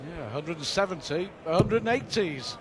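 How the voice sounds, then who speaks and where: A man's voice: sits high, lively intonation, moderate pace. A man giving conversational, analytical live commentary on a darts match. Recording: clear crowd noise behind commentary. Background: arena crowd.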